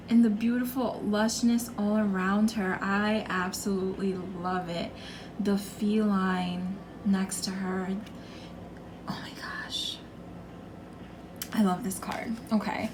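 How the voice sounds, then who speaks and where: Slow and steady, a woman's mid-range, froggy, strained voice carries an encouraging, earnest tarot reading, a casual pick-a-card session full of repetition. The recording is distant and echoey, with music and other background noise.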